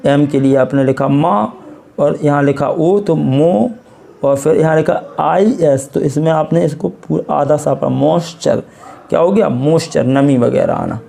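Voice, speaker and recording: A man's voice: on the high side, lively intonation, a little slow, gravelly, dark tone. An Indian man with an Indian accent teaching English reading step by step, patiently repeating words and quizzing the listener. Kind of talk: classroom-style phonics lesson.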